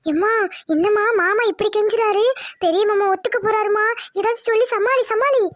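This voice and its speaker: A woman's voice: extremely high pitch, fairly quick, no room sound, studio quality. A woman voicing a spiteful, jealous young village woman in a cartoon, mocking and scheming. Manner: mocking, scheming whispers aside. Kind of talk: cartoon dubbing.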